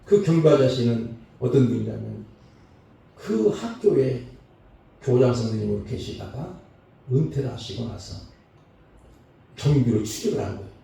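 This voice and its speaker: Male pastor, Sunday sermon, rough mellow voice, preached from a distance in a ringing sanctuary. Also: animated, moderate pace, long pauses. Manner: preaching with sudden swings between loud, high calls and low, hushed lines. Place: church sanctuary. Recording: very echoey church hall, mic far off.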